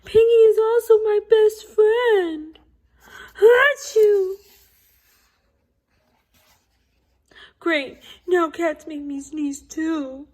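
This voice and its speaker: A woman's voice: very high-pitched, fairly even intonation, slow pace, mellow. A woman voicing a worried, melodramatic elephant who keeps sneezing and hesitating, in a storybook read aloud. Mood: relieved.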